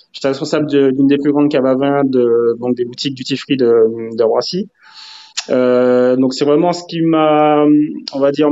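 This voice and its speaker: A man's voice: medium pitch, warm tone. Hesitant man on a muffled call. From Martinique. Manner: hesitant, many fillers and restarts. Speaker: rum specialist guest. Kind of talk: live video call chat. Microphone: phone on a video call. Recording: dull lo-fi call audio.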